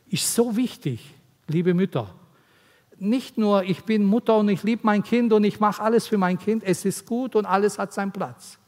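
A man's voice: sits high, darkish tone. A man preaching an earnest, pleading sermon to mothers in a church, his delivery swelling and dropping. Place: church hall. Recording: long hall reverb.

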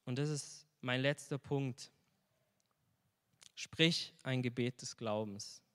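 A man's voice: mid-range voice, slow, fairly bright tone, clean tone. A man preaching a sermon in a church hall, sharing a personal testimony in an earnest tone and asking the congregation questions. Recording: long reverb of a large hall.

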